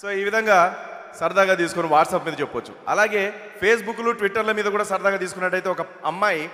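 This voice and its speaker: A male comedian and mimicry artist doing animated stand-up storytelling on a stage mic in a reverberant event hall. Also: sits high, normal speed.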